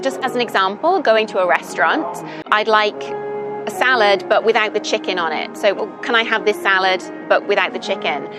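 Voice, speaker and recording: In a mid-range voice at normal speed, a young British woman chats as a guest in a casual interview, with music playing underneath. She's thoughtful and uses plenty of "ums" and "you knows."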